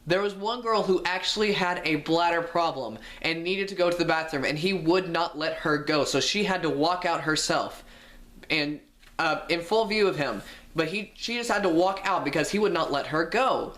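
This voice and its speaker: A man's voice: a little high, moderate pace, a bit bright. A young man telling a storytime rant on his vlog, exasperated, his voice jumping up when indignant. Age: young adult. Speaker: vlogger.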